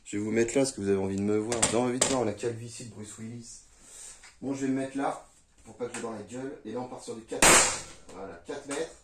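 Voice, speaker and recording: A man's voice: medium pitch, fast talker, very noisy. A man casually reviewing a gun for his viewers, rambling and swearing a lot while shooting outdoors, recorded on a phone a few meters away. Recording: echoey, from a distance.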